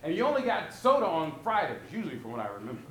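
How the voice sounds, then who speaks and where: Talking very fast, a thirtysomething artist animatedly discusses his own pieces in a gallery, his bright, rather high voice rising and falling a lot. He keeps wandering into stories, performing the characters' voices. A little hiss or hum can be heard.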